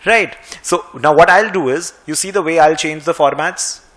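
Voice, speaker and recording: An Indian English-accented man who trains people in finance and Excel narrates a screen-recorded software tutorial. He keeps it brisk and conversational, with a hint of sarcasm, and his pitch runs fairly high.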